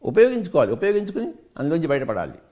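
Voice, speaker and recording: A man's voice: fairly high pitch, wildly swooping pitch, very fast, dark tone. A man with a Telugu accent giving a spiritual discourse as a meditation teacher, preaching emphatically and firing off rhetorical questions.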